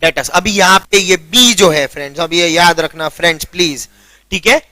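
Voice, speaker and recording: A man's voice: high-pitched, normal speed, bright, forceful tone, no echo. A young man with a Gujarati accent, a commerce tutor giving a chatty classroom lecture and often checking that students understand. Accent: Gujarati-accented Hindi. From Gujarat, India. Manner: chatty, keeps checking understanding, mixes English terms.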